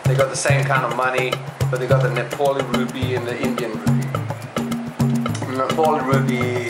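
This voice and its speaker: A man's voice: mid-range voice, reverberant, low-quality recording. A man from Sweden, rambling casually through an interview with many fillers and laughs. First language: Swedish. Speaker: traveler being interviewed.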